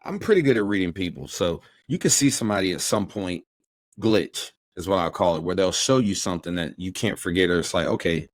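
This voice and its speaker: A man talking casually on a podcast, rambling and animated, often slipping into quoted voices. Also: low-pitched, a little fast, dry recording. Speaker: podcast co-host.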